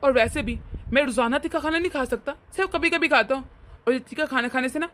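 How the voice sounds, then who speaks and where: A woman voicing a mild-mannered husband in an animated cartoon, speaking in a placating, reasonable way. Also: high-pitched, fast. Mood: explaining.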